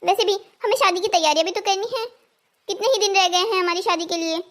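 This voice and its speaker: A woman's voice: extremely high pitch, fast talker, a bit bright. A woman voicing a confused, indignant twenty-one-year-old woman in a cartoon story. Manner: indignant, bewildered. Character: young woman of 21, confused and stubborn.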